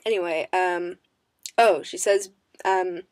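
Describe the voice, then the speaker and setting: A woman's voice: fairly low pitch, steady tone, takes it slowly, no echo. A woman chatting casually to camera, bubbly and rambling, her voice scratchy as she recovers from a sore throat. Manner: bubbly, self-mocking, rambling with many ums. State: raspy voice, recovering from strep throat, coughing. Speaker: vlogger answering viewer questions.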